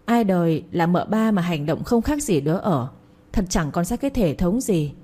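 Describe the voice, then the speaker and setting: A woman's voice: lowish voice, expressive, moderate pace, warm tone, slightly rough. A woman voicing a stern older matriarch who lectures her daughter-in-law and maid.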